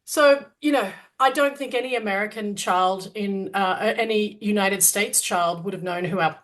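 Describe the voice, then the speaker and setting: A woman's voice: mid-range voice, moderate pace, a bit bright. A woman from Australia with an Australian accent, co-hosting a podcast and talking candidly in a casual conversation, swearing freely. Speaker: podcast co-host.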